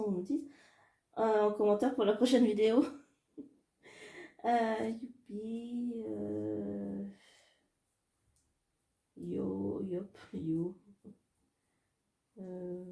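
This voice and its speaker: A woman from France thinking aloud in a casual solo video, soft-spoken and hesitant, laughing often as she draws cards and dice. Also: medium pitch, gravelly, reverberant. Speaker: illustrator doing card and dice draws.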